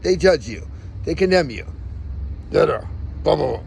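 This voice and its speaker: Male vlogger, emphatic personal rant, gap-toothed slur from missing front teeth, heavy vocal fry, some background noise. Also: fairly high pitch, expressive, moderate pace, a little mellow. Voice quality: slightly slurred speech from missing front teeth. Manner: aggrieved, emphatic, acts out reported dialogue. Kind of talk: personal rant to camera, telling his own story.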